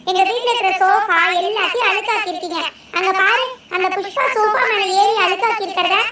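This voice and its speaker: A woman's voice: extremely high pitch, fast, reverberant, far from the mic, a crowd in the background. A woman voicing bossy, scolding young girls in a cartoon, talking in a telling-off, know-it-all way. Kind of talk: cartoon dubbing.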